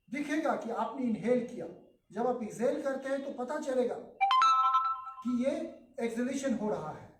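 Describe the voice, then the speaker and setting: A man teaching children a yoga breathing lesson in a calm, instructive way, mixing in English terms. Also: very high-pitched, reverberant, recorded from a distance, rough recording.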